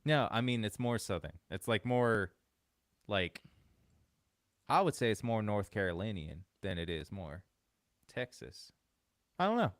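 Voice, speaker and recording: A man hosting a podcast, telling a story in relaxed casual chat and laughing often. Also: lowish voice, a little slow, pauses often, no room sound, studio quality. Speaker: podcast host.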